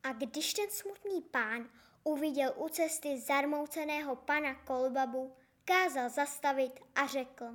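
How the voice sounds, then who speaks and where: Female storybook narrator, high voice, expressive read. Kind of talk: fairy-tale audiobook narration.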